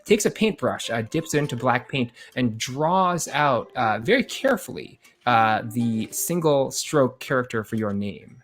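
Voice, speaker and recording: A man runs a tabletop fantasy game as its narrator. His voice sits at a middle pitch, and he builds scenes in halting, measured phrases. Soft music runs underneath. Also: animated. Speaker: game master.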